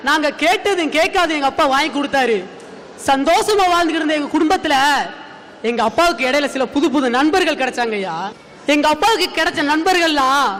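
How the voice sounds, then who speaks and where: A man's voice: very high voice, a bit bright. A young man, giving an earnest, pleading speech in a stage debate. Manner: earnest, pleading, addresses listeners with "ayya". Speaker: student debate speaker. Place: large hall on stage. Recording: hall reverb, faint background noise.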